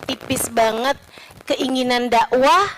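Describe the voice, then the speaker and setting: A woman. She tells her story with lively acted quotes, then turns soft and slow when she reaches prayer. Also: high voice, low-quality recording. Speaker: preacher. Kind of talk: sermon.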